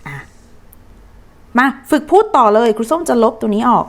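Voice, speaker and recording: A woman English teacher giving a lesson, her voice swinging through a wide, animated pitch range. She counts her students in and drills sentences, stretching the English phrases out slowly so they can repeat. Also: gravelly.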